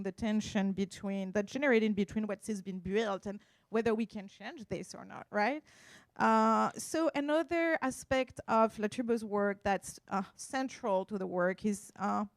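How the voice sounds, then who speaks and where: A woman's voice: a little high, dry recording. French-accented woman giving a talk. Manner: hesitant, searching for words, with asides. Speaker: art appraiser presenting. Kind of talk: slide presentation talk.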